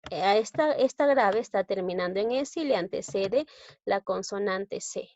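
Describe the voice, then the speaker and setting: A woman's voice: medium pitch, moderate pace, darkish tone, no room sound. Woman teacher, Peruvian Spanish accent, patient step-by-step lesson, dull lo-fi sound. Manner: patient, explains step by step with frequent tag questions. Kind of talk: recorded online grammar lesson. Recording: dull lo-fi recording.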